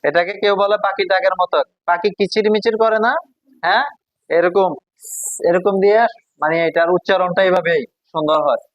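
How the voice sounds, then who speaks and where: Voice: mid-range voice, fairly even intonation, fairly quick, no room sound, muffled recording. Teacher drilling letters. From Bangladesh. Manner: patient, asks the class questions and drills each letter. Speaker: Quran teacher. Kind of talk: classroom call-and-response drill. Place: classroom.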